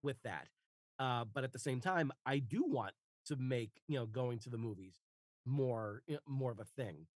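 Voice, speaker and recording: A man in his forties in a casual podcast conversation, talking in halting phrases and restarting them with many fillers. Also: medium pitch, lively intonation, darkish tone, dry recording. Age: 40s. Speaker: guest author and narrator.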